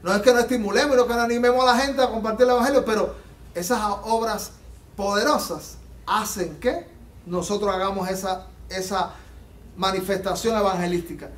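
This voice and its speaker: A man preaching a sermon as pastor, fervent and emphatic, swinging between loud peaks and quiet low passages, recorded in a church. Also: a little fast, recorded from a distance. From Latin America. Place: church sanctuary. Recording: echoey church hall, off-mic.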